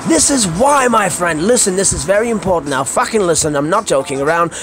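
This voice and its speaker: Ranting to his audience over background music, this Scottish podcast host speaks fairly quickly in a high voice with lively intonation. His comic monologue is theatrical, crude, and full of colourful slang, and the background is noisy.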